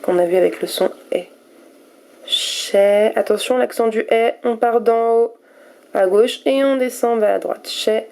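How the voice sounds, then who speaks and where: A woman teacher giving a recorded reading lesson to young pupils, sounding out each letter and syllable slowly and with care. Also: on the high side, creaky, dark tone. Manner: slow and careful, spelling out letters and syllables one by one. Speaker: primary school teacher.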